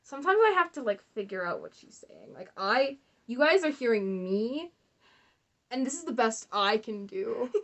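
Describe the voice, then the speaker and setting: Young female host, casual comedic read-along, sarcastic asides, voice a bit high. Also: big pitch swings, moderate pace. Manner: sarcastic, laughing, swearing asides. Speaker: host reading fan fiction aloud.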